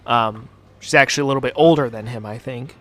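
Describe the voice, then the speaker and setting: With faint music in the background, a young gaming-channel host from the US chatters away in his home basement studio, profane and rambling, his speech packed with fillers. His voice is medium-pitched and a bit bright, and he talks at a quick pace.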